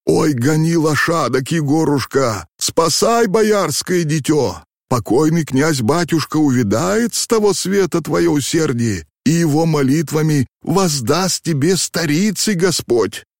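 A man's voice: deep voice, wildly swooping pitch, measured pace, breathy edge, no echo, clean studio sound, heavily acted. A man voicing a frightened, pious old male servant who pleads anxiously. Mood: pleading. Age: older. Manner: fearful, pleading.

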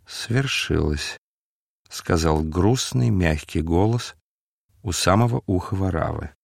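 Solemn male narrator for an audiobook, gravelly and dry. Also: low-pitched, a little slow, dry recording. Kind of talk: scripted literary narration.

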